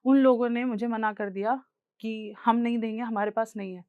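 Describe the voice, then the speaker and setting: A woman's voice: fairly high pitch, steady tone, normal speed, smooth, no echo, phone-quality sound. A young woman with an Indian accent tells a personal life story on stage in an earnest, plain way, slipping English words into her talk.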